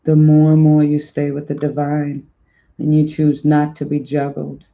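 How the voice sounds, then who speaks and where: A man giving a slow, encouraging spiritual tarot reading to his viewers, repeating affirming phrases, on a dull lo-fi recording. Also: on the high side, completely flat delivery, creaky. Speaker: spiritual life coach and tarot reader.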